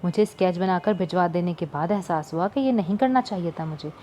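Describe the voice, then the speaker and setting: A woman's voice: on the low side, fairly quick, mellow, slight background noise, close to an everyday voice. A woman voicing a wry teasing young shopkeeper. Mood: coaxing. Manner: wry, mock-offended banter.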